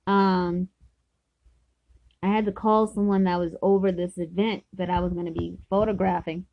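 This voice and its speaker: A woman at a middle pitch tells a story from her own life, earnest and emphatic, circling back to repeat her points. The recording is a little dull and lo-fi, with the top end rolled off. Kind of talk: personal storytelling.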